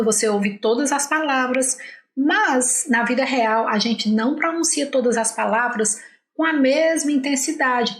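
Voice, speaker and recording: A woman with a Brazilian Portuguese accent teaching an English lesson, patiently explaining and repeating model phrases slowly. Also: high-pitched, echoey room. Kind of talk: language lesson with slow model sentences.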